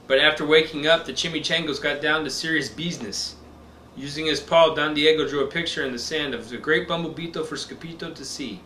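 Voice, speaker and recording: A man reading picture books aloud to a toddler as a father, in an expressive, simple storybook delivery. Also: a little high, fairly quick. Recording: echoey room with faint background noise.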